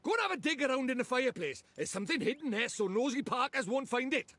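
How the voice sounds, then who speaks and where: A man's voice: extremely high pitch, sing-song, fast, bright, forceful tone, no echo, full character voice. An actor playing a cheeky little male fairy lord with a Welsh accent, chatty and teasing in a video game.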